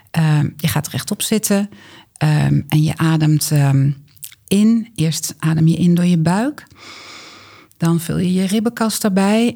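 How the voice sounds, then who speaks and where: Soft, breathy, creaky woman guiding breathing. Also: lowish voice. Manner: calm, unhurried, instructional. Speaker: guest breathwork coach. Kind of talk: guided breathing exercise instruction.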